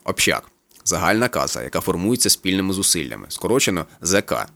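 Gruff scheming factory worker, played by a male reader, dropped low, matter-of-fact. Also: very animated, quick pace, fairly bright tone, no room sound, exaggerated voice. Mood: lecturing.

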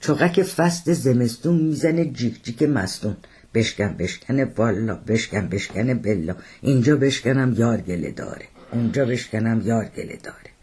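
A man reading an audiobook, voicing a lively female entertainer who chants folk verses in a sing-song way. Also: fairly low pitch, breathy edge. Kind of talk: audiobook character voice.

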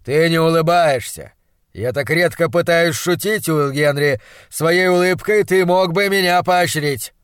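A man putting on a hoarse, bossy scientist. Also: on the high side, unhurried, no room sound, studio quality. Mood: brisk, hectoring. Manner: loud, emphatic, hectoring. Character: brusque excitable middle-aged male scientist. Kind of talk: audiobook character voice.

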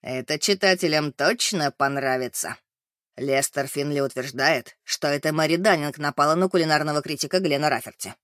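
A man's voice: on the high side, normal speed, fairly bright tone, dry recording, studio quality, lightly acted. A man playing a gloating sly reporter. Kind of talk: audiobook character reading.

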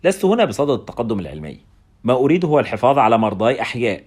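Guy reading a stern clinic director, low voice, short firm lines, quick. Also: lively intonation, darkish tone. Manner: firm, curt pronouncements. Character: stern male colony director, commanding.

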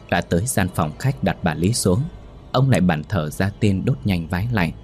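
A man narrating a ghost story in a steady storytelling manner. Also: deep voice.

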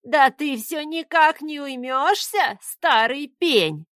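A woman voicing a fierce, feisty old grandmother witch who scolds in a shrill voice. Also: takes it slowly, a bit bright, no echo, clean studio sound. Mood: scolding.

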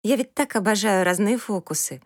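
A pert teenage girl, as a woman reader puts her on in an audiobook, with a high, bright voice that leans hard on every word. She is dramatic and quick to sulk, and her lines swing well above the reader's own pitch. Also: no echo, clean studio sound, natural voice. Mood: pleading. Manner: high-pitched, sassy, emphatic.

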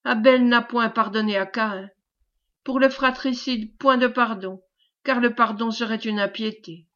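A woman reading the lines of a dying, imprisoned young nobleman who refuses to forgive, in a slow, hushed, grave way. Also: on the high side, fairly even intonation. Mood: bitter. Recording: dull lo-fi recording.

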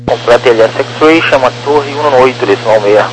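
A man's voice: mid-range voice, fairly quick. A man giving procedural instructions as an air traffic controller, police-radio style, over a two-way radio. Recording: noisy aviation radio channel with hum.

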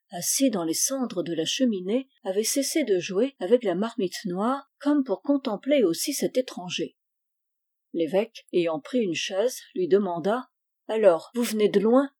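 A woman narrating a classic literary short story in a measured, even reading voice. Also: mid-range voice, husky. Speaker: reader.

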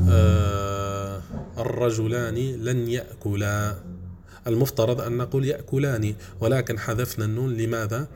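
A man giving a grammar lesson, repeating simple examples patiently with frequent drawn-out fillers. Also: medium pitch, a little mellow, slight background noise. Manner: repeats examples slowly, with many "aah" fillers. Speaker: grammar teacher.

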